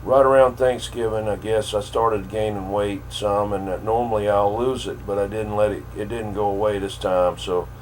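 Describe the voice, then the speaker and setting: A man's voice: lowish voice, steady tone, normal speed, few pauses, rough recording. A man in his fifties or older chatting casually as a radio operator, rambling in a folksy way with radio slang. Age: 50s or older. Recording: clear background hum and noise.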